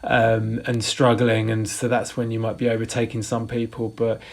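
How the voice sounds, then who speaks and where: A man's voice: on the low side, completely flat delivery, normal speed, gravelly. A man in his forties giving a casual race report, rambling with frequent restarts and fillers. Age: 40s. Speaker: ultrarunner vlogger.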